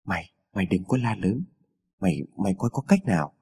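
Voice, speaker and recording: Brief: man playing a rattled rich boss, stammered hushed orders, husky, audio story. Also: sits low, big pitch swings, fairly quick, pitched below the performer's own voice, full character voice. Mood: frightened hushed. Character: rich old master, shaken and secretive.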